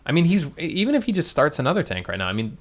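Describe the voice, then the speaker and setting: Excitable man casting a strategy game. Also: a little high, very fast, slight background noise. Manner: excitable, joking. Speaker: caster. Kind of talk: esports commentary.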